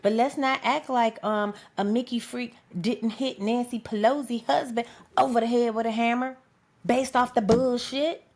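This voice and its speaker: A woman's voice: fairly high pitch, fairly even intonation, moderate pace, darkish tone. A woman giving an impassioned opinion monologue as a political commentator, emphatic and profane, punctuating points with a pointed "okay?".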